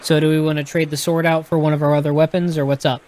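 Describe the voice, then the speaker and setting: A fast-talking man with a Texan accent and a high-leaning, slightly mellow voice delivers his lines flatly, with a little hiss or hum in the recording. He reads a gamebook to a live audience and casually explains its rules, often restarting and self-correcting.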